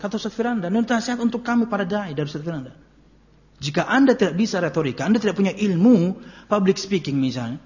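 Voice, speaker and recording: A man giving a casual, joking Islamic sermon, slipping in local words. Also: on the high side. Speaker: Islamic preacher. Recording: muffled lo-fi recording.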